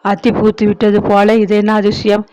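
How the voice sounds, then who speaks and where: A woman's voice: mid-range voice, completely flat delivery, moderate pace, noisy background, lightly acted. A woman reading the part of a bitter elderly father who speaks with sarcasm and scorn in a storybook. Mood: mocking. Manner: sneering, sarcastic.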